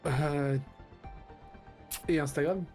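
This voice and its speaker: A man's voice: fairly high pitch, fairly even intonation, extremely slow, a little mellow, soft background music. A man chatting as a guest co-player on a live stream, teasing and laughing easily. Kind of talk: casual live-stream chat.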